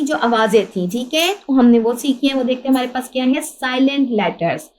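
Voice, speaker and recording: Pakistani lady teacher, high voice, asks and answers her own questions as she goes. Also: slight background noise. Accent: Pakistani Urdu. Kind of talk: lesson explaining a textbook.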